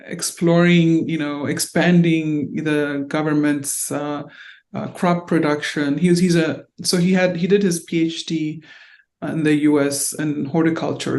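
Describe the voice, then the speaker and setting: A middle-aged woman speaks in an oral history interview. She was born in Ethiopia and raised in North Carolina, and she talks in a reflective, unhurried way. She pauses often and fills the gaps with small hesitations. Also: sits low, a little mellow. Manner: reflective, halting with frequent fillers. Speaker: interviewee, diplomat.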